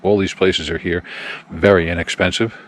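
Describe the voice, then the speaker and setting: A man talking casually to his viewers outdoors at a campsite by the campfire, relaxed and friendly as he addresses them directly. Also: sits low, moderate pace. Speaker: camping vlogger. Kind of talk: casual vlog talk to camera.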